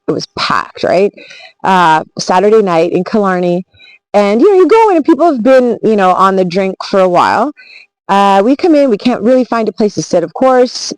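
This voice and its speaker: A woman's voice: mid-range voice, a little mellow, dry recording, rough recording. A woman travel vlogger telling a story in a casual, earnest, reflective way, often restarting her sentences.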